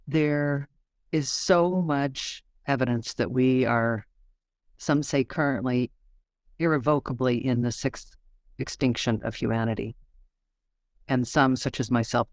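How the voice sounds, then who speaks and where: A man hosting a spiritual podcast, asking measured, thoughtful questions. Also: medium pitch, gravelly, no echo. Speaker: podcast host. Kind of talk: interview questions.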